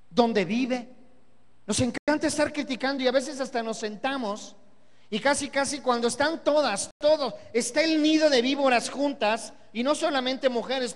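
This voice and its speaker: A man with a Mexican Spanish accent preaching a Sunday sermon as pastor, emphatic, repeating key words and asking rhetorical questions. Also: extremely high pitch. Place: church service hall. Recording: long reverb of a church hall.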